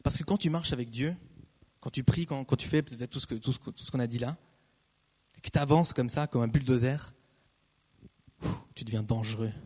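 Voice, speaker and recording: A man preaching a casual, conversational sermon, repeating key phrases and breaking off into lively asides. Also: mid-range voice, fairly quick, pauses often, slightly rough. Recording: long hall reverb.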